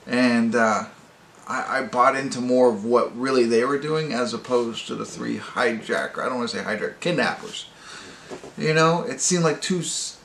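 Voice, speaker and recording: An amateur movie reviewer hosting a casual, off-the-cuff review, rambling and hesitating while he hunts for words. His voice is medium-pitched and creaky, recorded with a roomy echo and faint background noise.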